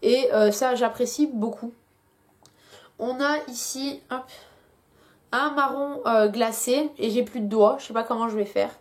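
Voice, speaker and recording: A woman's voice: on the high side, measured pace. A young woman chatting casually in a beauty product review, full of hesitations, while she has a headache. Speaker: beauty vlogger.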